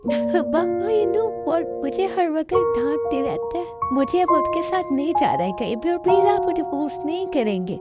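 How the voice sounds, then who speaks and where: A woman's voice: high voice, very animated, normal speed, over loud music. A woman voicing a tearful, sulky young wife who whines and pleads in a fan-made dub drama. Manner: whiny, pleading.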